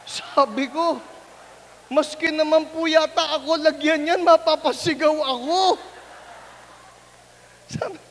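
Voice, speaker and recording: A man's voice: very high voice, fairly even intonation, takes it slowly, long pauses, big-room sound, slight background noise. A man preaching as a pastor, telling a story animatedly and acting out the people in it. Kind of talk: sermon storytelling.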